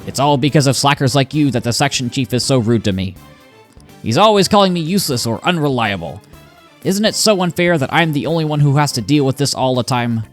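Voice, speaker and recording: A man's voice: medium pitch, lively intonation, fairly quick, soft background music, close to an everyday voice. A man voicing a put-upon male robot clerk who whines and grumbles about his boss, reading game dialogue aloud. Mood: grumbling. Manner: whiny, complaining.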